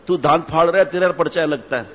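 A man's voice: on the high side, a bit bright. A man, a cleric giving a humorous sermon in a mosque, teasing his audience with jokes and stories. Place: mosque hall. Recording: echoey hall, dull lo-fi sound.

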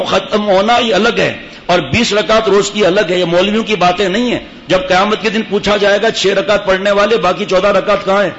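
Middle-aged imam guy, high voice, scolding sermon in a mosque, dull lo-fi recording w/ faint hiss. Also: a bit bright. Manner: scolding, rhetorical questions. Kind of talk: Friday sermon.

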